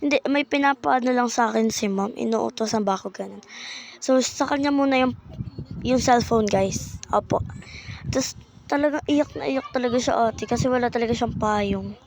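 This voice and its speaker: A woman's voice: on the high side, moderate pace, slight background noise. A ten-year-old girl narrating her school day in a casual vlog, talking politely and chattily. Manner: polite, uses po often, chatty. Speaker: child vlogger.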